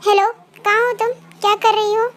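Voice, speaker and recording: A possessive young husband from a read-aloud fan story, as a woman narrator puts him on in a very high voice. He pleads one moment and turns cold and scornful the next, without much change from the reader's own voice. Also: flat delivery, fairly quick, a bit bright, slight background noise. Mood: insistent. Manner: pleading, then cold and contemptuous.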